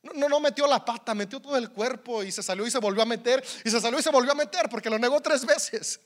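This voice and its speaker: A man's voice: very high voice, fast. A man with a Mexican accent preaching a sermon in a conversational, humorous way, often repeating words as he goes.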